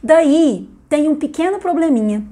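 Chatting through a video lesson, this Brazilian woman who teaches English has a high-pitched, animated, mellow voice. She repeats English words slowly for emphasis.

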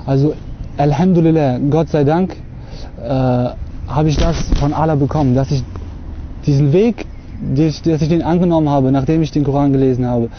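Here a young adult from Russia, a man with a fairly high voice and fairly even intonation, talks to camera at a moderate pace from a lawn. His testimony is earnest yet halting, full of fillers. The close camera mic yields slightly dull lo-fi outdoor audio with a little hiss or hum.

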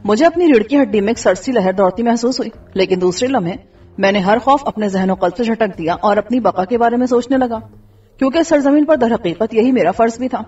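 A woman reading a first-person adventure story aloud in steady scripted narration. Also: a little high, breathy edge. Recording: dull distant recording with faint music.

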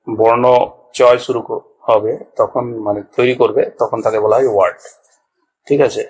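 Through a small clip-on mic comes a medium-pitched male voice giving students a basic grammar lesson. He explains each point patiently and step by step, going back over ideas and asking small checks like "all right." The recording is rough.

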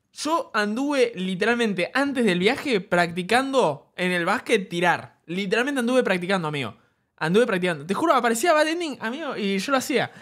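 Young Argentine male streamer, high bright voice, excitable, foul-mouthed storyteller. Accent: Argentine Spanish. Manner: excited, laughing storyteller, swears freely. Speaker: streamer reacting to a video. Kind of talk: casual stream chat.

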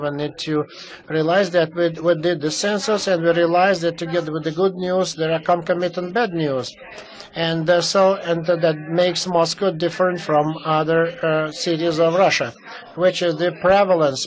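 Male simultaneous interpreter, fairly high pitch, halting delivery full of fillers. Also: rough recording. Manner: halting, many fillers and restarts. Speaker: conference interpreter.

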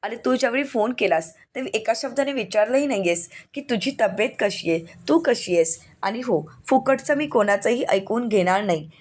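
A woman's voice: a little high, animated, moderate pace, hardly any pauses, a little mellow. A woman reading the part of a scheming young woman who sweet-talks her lover on the phone, in a coaxing, pleading manner. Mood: angry.

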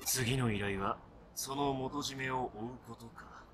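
A man voicing a stern, gruff young male hacker in a video game, terse and blunt. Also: mid-range voice, a little slow, a bit bright, close to an everyday voice. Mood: serious.

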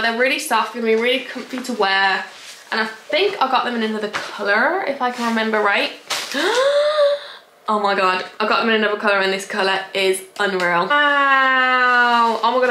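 A woman's voice: a little high, pushed and bright. A young woman chatting through a clothing try-on haul vlog, bubbly and gushing with casual slang. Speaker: fashion vlogger. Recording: echoey room, faint hiss.

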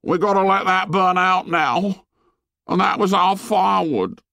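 A man's voice: high voice, measured pace, vocal fry, pushed and bright, dry recording, studio quality, pitched above the performer's own voice, exaggerated voice. A man voicing a whiny, indignant schoolboy who complains in an aggrieved, plaintive way, as an audiobook reader.

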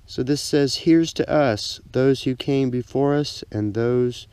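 An older man casually narrating his metal detecting outdoors on a lakeside beach, easygoing and excited at each find, recorded on a body-worn camera. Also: mid-range voice, slow, smooth, no room sound. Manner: easygoing, excited exclamations at finds. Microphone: action camera worn on the body.

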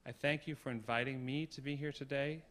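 A middle-aged man, a university provost, giving a formal tribute speech in a concert hall, measured with gentle humor. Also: medium pitch, steady tone.

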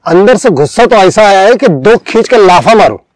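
A man with an Indian accent in a casual homeopathy discussion, talking in an animated way and acting out the people he quotes. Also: high-pitched, normal speed, no room sound, rough recording. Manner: animated, acts out quoted speech. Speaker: homeopathy teacher.

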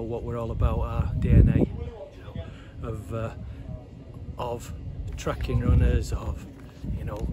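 A middle-aged man, an assistant football manager giving a post-match interview outdoors, talking hesitantly with many fillers and repeated words. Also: mid-range voice. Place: outdoors at a football ground by terrace steps. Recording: loud outdoor noise, traffic.

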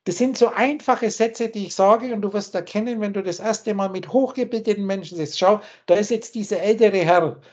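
A man's voice: high voice, moderate pace, few pauses, darkish tone. A man teaching spiritual ideas on a video call, emphatic and insistent, often repeating his key points. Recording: muffled lo-fi call audio.

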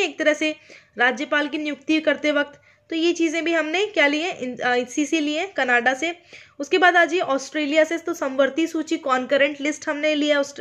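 An Indian woman teaching an online exam-prep lecture, speaking slowly on purpose and often checking in with her listeners. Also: sits high, fairly bright tone. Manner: mixes English terms into her explanations.

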